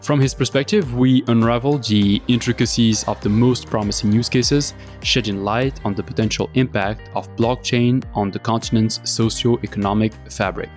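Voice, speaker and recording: A man's voice: mid-range voice, steady tone, normal speed, hardly any pauses, faint music behind. Podcast host man reading a scripted intro. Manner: reads a polished scripted introduction.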